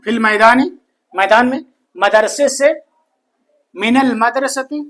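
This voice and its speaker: A man teaching a grammar lesson, slowly repeating each phrase and answering his own questions. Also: very high voice, fairly bright tone. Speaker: Arabic teacher.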